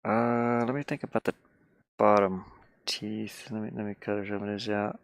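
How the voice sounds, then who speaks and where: A gravelly, lowish male voice with little pitch movement and a moderate pace, in a dry, clean studio-like recording. He's a livestreamer sketching on an art tablet from inside an insulation-lined metal van, talking informally and rambling, often half to himself.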